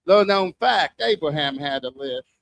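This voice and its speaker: An older man performs stand-up in a fairly high-pitched voice. A strong lisp gives his s sounds a wet whistle. He delivers crude, self-deprecating jokes to a live show. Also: animated, moderate pace, gravelly, a bit bright. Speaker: stand-up comic. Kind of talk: stand-up comedy. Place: live comedy open mic show.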